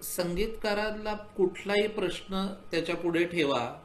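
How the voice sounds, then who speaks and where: A man's voice: high-pitched, unhurried, echoey room, slight background noise. A man, a composer, telling the story behind his work in a radio interview, thoughtful and building to passionate emphasis. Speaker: composer guest. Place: radio studio.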